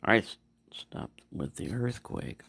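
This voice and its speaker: With a lowish, gravelly voice that is bright and forceful, this knife reviewer speaks expressively and without hurry, and there's no echo. His review is casual and unscripted, wandering along with self-corrections and mumbled asides.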